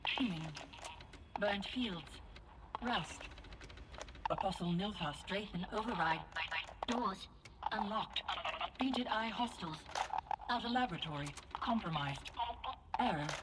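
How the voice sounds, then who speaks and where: A woman's voice: mid-range voice, lively intonation, slow pace, long pauses, very noisy. A woman voicing a damaged female security robot in a video game, speaking in clipped, terse announcements through a glitching robotic voice. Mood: flat. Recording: loud keyboard clicking behind.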